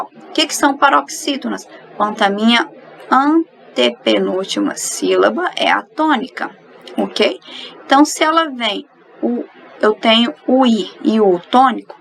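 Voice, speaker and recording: Woman teacher, fairly high and gravelly, recorded lesson, light background hiss. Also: fairly bright tone, low-quality recording. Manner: explanatory, asks and answers her own questions. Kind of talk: recorded online grammar lesson.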